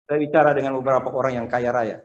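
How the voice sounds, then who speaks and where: Chatty pastor, echoey call. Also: male voice, mid-range voice, steady tone, quick pace, dull audio. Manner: chatty, tells anecdotes and acts out other people's lines. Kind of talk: conversational sermon. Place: church service streamed over a video call. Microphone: video call. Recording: roomy, echoey video call.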